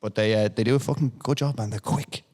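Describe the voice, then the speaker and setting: A man's voice: medium pitch, fairly even intonation, fast, a little mellow. A man with a Dublin Irish accent hosting a casual comedy podcast, telling rambling stories, swearing and repeating words. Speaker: podcast host.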